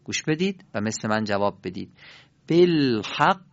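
A man teaching Quran recitation in a recorded lesson, demonstrating sounds slowly and asking learners to repeat after him. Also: medium pitch, big pitch swings. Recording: dull lo-fi recording.

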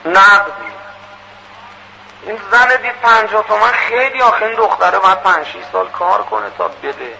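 A man preaching through a moral story, animated and acting out its dialogue, on a muffled recording with loud hiss. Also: sits high, vocal fry. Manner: animated, acts out dialogue, quick asides.

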